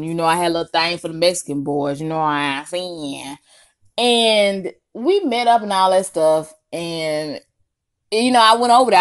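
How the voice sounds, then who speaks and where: A young adult woman with a Southern US accent tells a personal story casually to viewers, slangy and animated, with drawn-out emphasis and asides. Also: on the low side. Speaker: storytime vlogger.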